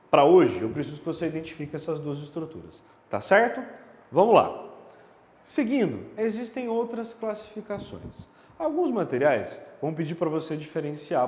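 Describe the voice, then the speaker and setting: Man teaching grammar, emphatic, lively pitch, slightly high voice, echoey room with long reverb. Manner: lively, emphatic, checks in with the listener often. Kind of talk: video lesson.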